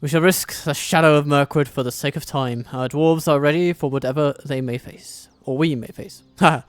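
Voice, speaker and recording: A man's voice: a little high, steady tone, normal speed, dry recording, natural voice. A man putting on a fake Scottish accent to voice a solemn dwarf herald reading a grand quest briefing. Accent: put-on Scottish. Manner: grand, old-fashioned storytelling delivery. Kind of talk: dramatic reading of game briefing text.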